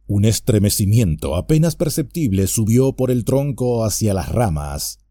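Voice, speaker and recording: A man narrating an audiobook with expressive storytelling. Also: on the low side, normal speed, no echo, clean studio sound.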